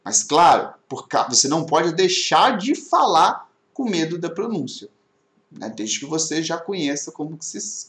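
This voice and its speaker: A man's voice: fairly high pitch, fairly bright tone. A man teaching an online English class, explaining with many rhetorical questions. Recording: echoey webinar audio.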